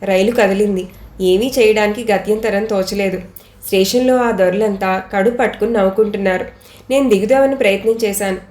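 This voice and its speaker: A woman reads a story aloud with steady, measured first-person narration. Her voice sits at a middle pitch. The reading was recorded in an echoey room.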